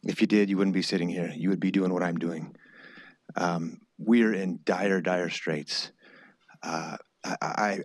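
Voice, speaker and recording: A man's voice: sits low, dry recording. A man speaks off the cuff at a board meeting, urging the board bluntly and often restarting his words. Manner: blunt, urgent, stumbling restarts. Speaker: public commenter. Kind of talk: unscripted public comment. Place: public board meeting room.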